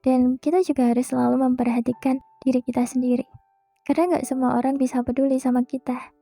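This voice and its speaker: A young woman hosting a podcast, speaking a gentle, reassuring monologue straight to the listener. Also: high voice, flat delivery, fast talker, creaky, no room sound, faint music behind. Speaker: podcast host. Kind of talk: soft comforting monologue.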